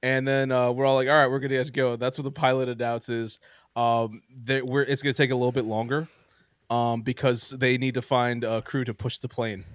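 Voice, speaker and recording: A man's voice: mid-range voice, fairly quick, no echo, studio quality. A man telling a long travel story in casual podcast chat, swearing and acting out what people said. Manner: animated, swears often, acts out quotes. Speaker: podcast co-host.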